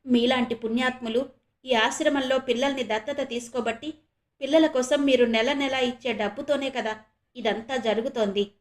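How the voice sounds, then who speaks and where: A soft-spoken, humble caretaker mother in a storybook audio novel, played by a woman narrator. Her tone stays gentle and tender, a touch high in pitch. The speech is devoted and modest. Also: fairly even intonation, normal speed, lightly acted.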